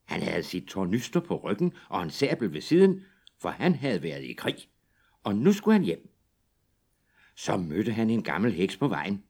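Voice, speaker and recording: Male storyteller, children's fairy tales, lively and expressive, lowish voice. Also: vocal fry, slightly rough. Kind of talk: children's fairy tale reading.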